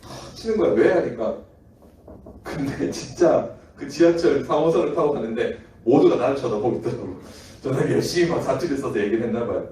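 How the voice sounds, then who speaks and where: A man's voice: mid-range voice, brisk, slight background noise. A man with a Gyeongsang accent preaching to children, telling stories and acting out voices with frequent laughter, recorded in a church hall. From Daegu. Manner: lively, acts out quoted voices, laughs often. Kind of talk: children's sermon with storytelling. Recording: echoey hall from far off.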